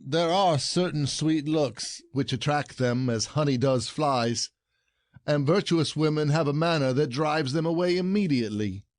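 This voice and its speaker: The indignant husband, performed by a man in an audio play of a classic stage comedy, rebukes in formal language, sarcastic and full of pride and jealousy. He speaks a little slowly in a fairly high, natural voice, captured close with a dry recording.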